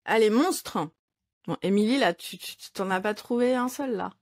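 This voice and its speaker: A woman's voice: medium pitch, normal speed, no echo. A woman hosting a quiz segment in a casual panel show, upbeat and leading the game. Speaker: host.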